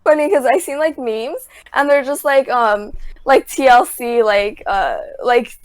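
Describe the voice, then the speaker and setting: Brief: young woman guest, higher voice, rambling casual retelling, dry close sound. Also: measured pace, no room sound, low-quality recording. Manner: rambling retelling, constant "like" fillers. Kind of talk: casual chat.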